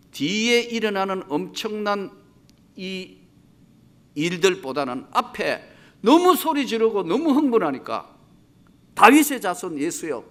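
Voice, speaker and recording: A man preaching a sermon as pastor, swinging between loud acted-out cries and quiet low asides. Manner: dramatic, shifting between shouted quotes and low asides.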